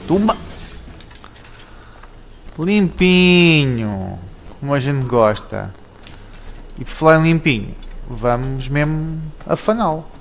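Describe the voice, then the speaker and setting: A man's voice: fairly high pitch, expressive, takes it slowly, pauses often. A man with a European Portuguese accent giving casual gameplay commentary, joking cheekily and talking back to the characters.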